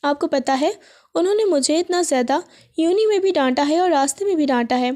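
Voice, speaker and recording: A woman voicing a hurt young wife who pleads and questions in a high, soft-toned voice. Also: close to an everyday voice. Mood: pleading. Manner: pleading, emotional.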